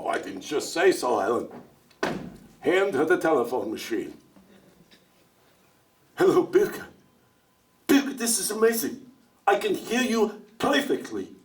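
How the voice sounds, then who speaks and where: A garrulous older dairyman, fresh off the boat from Russia,in a stage monologue. His fairly high voice leaps up and down as he jokes, stumbles over his words and fires questions back. It carries from a distance, as if heard across a theater stage. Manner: talkative, joking, stammers and asks back. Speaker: stage actor in a one-man show.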